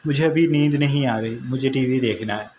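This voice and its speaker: A man's voice: medium pitch, moderate pace, darkish tone, natural voice. A man voicing a petulant, tearful teenage wife, over a noisy recording. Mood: sulky.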